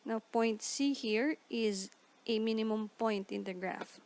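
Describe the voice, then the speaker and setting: A woman's voice: on the high side, a little slow, a little mellow, low-quality recording. A woman teaching a recorded math lesson, explaining patiently step by step and restating each point.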